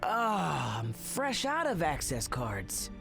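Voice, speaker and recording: In a game cutscene backed by loud music, a man performs a full character voice as a cocky, wisecracking young space captain, breezy and joking. His pitch runs on the high side with huge swings, and he speaks slowly with vocal fry.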